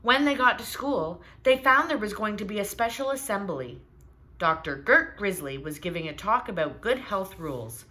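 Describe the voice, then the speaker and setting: Animated woman storyteller for children, bright and expressive, pausing to ask questions. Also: mid-range voice. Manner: animated, asks listeners questions. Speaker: storybook reader. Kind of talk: children's storytime read-aloud.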